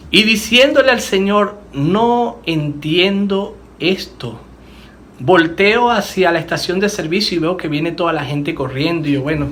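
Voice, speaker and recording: A man preaching a sermon as pastor, moving between fervent declarations and hushed, personal confessions. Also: high voice. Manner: impassioned preaching, swings from loud declarations to hushed, intimate moments.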